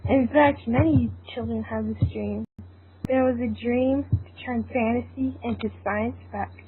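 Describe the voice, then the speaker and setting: Through a noisy, tinny, band-limited amateur recording, a woman narrates scripted fan fiction. Her voice is on the high side, and she keeps an even tone and a measured pace.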